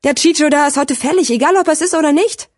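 A woman's voice: high voice, quick pace, no echo, studio quality, voice pushed up, lightly acted. A woman voicing a hot-headed fourteen-year-old boy gangster in an audiobook, snapping and bossy. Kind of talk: audiobook character voice.

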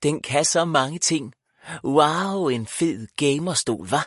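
A man voicing a cheerful, eager mother in an audiobook, brisk and upbeat. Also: mid-range voice, a bit bright, husky, no echo, clean studio sound.

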